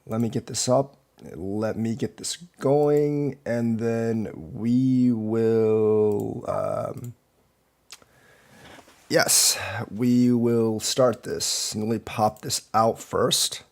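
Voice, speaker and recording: Fighting a slight cold, a streamer who teaches go commentates his own game live, rambling and critiquing the moves. His congested voice is fairly low, creaky and darkish, with fairly even intonation and a very slow delivery.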